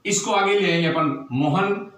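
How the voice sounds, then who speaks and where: Teacher guy, slow careful grammar lesson, spells words out, sounds distant in a big echoey room. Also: high voice, pushed and bright. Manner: slow, explains step by step, spells out words letter by letter. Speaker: school teacher. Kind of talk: recorded classroom grammar lesson. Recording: roomy echo, far from the mic.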